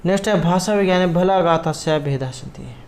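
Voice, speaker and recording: A man's voice: high-pitched, a little fast, a little mellow. A man tutoring for a Sanskrit exam, explaining each question and its answer option in a methodical way.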